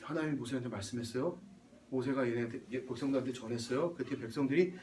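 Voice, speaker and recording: A man's voice: medium pitch, quick pace, a little mellow, distant mic, slight background noise. A man giving a sermon in a casual, conversational way, dropping in slang and English words. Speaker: pastor.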